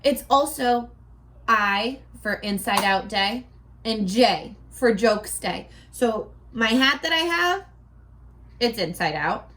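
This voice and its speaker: A woman reads aloud to young children in a lesson, her voice a little high and her pace slow. She's animated and playful, posing questions to viewers as if they could reply and then answering their imagined responses.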